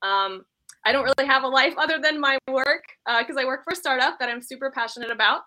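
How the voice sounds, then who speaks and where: Female guest in her thirties, from Iceland; very bright, chatty, self-deprecating. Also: high-pitched, fast talker, rough recording. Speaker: podcast guest. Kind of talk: casual interview chat.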